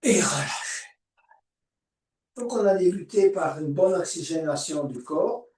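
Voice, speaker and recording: A man guiding a yoga class, giving calm, drawn-out cues for breathing and movement. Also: a little high, slight background noise. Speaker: yoga teacher. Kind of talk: guided yoga class instruction. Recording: echoey room, voice far from mic.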